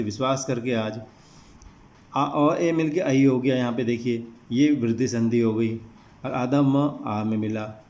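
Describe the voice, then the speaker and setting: Male teacher, mid-pitched voice, patient word-by-word glossing, repeats meanings, classroom explainer. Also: darkish tone. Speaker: Sanskrit teacher. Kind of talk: line-by-line textbook explanation.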